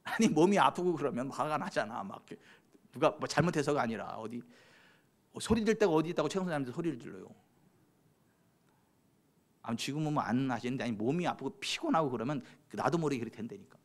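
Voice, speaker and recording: A man preaching a sermon as pastor, swinging from soft chatty asides to loud fervent exhortation and teasing church members. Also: medium pitch, animated, quick pace, pauses often. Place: church sanctuary.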